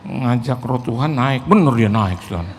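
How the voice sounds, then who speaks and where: A man's voice: mid-range voice, animated, normal speed. A middle-aged male pastor, telling a sermon story with self-mocking humor. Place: large church hall. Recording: reverberant church hall, faint noise.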